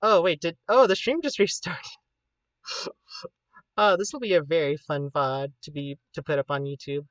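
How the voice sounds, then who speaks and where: A woman's voice: low voice, normal speed, pauses often, dry recording, highs cut off. A woman with a Pittsburgh accent chatting casually and informally on a livestream, rambling as she teaches an informal class. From Pittsburgh, United States.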